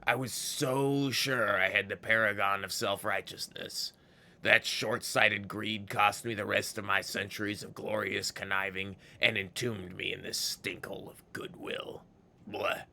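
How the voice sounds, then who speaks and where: Bitter old game fiend, ghoulish, creaky, hard-edged, theatrical villain, scornful, scheming. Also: male voice, lowish voice, level tone, unhurried, bright, forceful tone, exaggerated voice. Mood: anguished, indignant. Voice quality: gravelly, ghoulish. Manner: theatrical villainous delivery, savoring words, spitting disgusted interjections. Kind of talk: dramatic video game character read-aloud.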